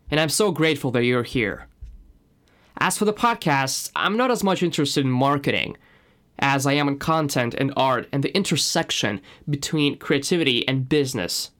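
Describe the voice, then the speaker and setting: A man's voice: medium pitch, a bit bright. A man from Russia with a Russian accent and native Russian, speaking as a podcast host in an earnest, personal scripted monologue.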